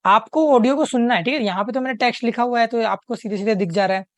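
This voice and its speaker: A man's voice: very high-pitched, fast, dry recording, clean studio sound. A man working as an online tutor, explaining questions one at a time and often checking in with the listener as he goes. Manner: explains patiently, checks in often with "theek hai".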